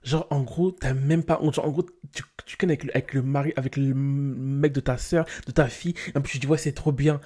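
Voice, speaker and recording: Young man, gaming commentary, mellow voice, animated, slangy. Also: medium pitch, brisk, hardly any pauses, husky. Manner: animated, scolding his game characters with slang. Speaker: gaming YouTuber. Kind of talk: casual game commentary.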